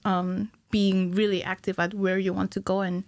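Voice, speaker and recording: In a small indoor podcast studio, a woman around her thirties talks into a close studio mic on a stand. She's an animator appearing as a guest, explaining things giggly and informally in casual interview chat. Her medium pitch stays level at a moderate pace, and there's no room sound.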